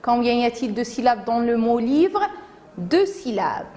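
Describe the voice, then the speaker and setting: A woman teacher with a Moroccan accent giving a phonics lesson to young children, saying each word slowly, syllable by syllable. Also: fairly high pitch, animated, dark tone, a little hiss or hum. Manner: slow, deliberate, syllable by syllable. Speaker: primary school teacher.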